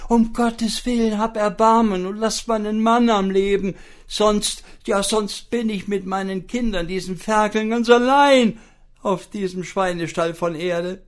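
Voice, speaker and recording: A man's voice: high voice, steady tone, measured pace, pitched above the performer's own voice. A man voicing a fat, hysterical sow who shrieks and scolds as she pleads, in a comic storybook tale. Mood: shrill pleading. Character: fat shrill nagging sow, wife, hysterical.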